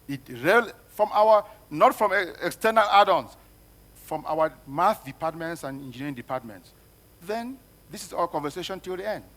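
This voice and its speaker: A man's voice: a little high, a bit bright. A man from Cameroon moderating a panel discussion, speaking emphatically and repeating phrases for effect.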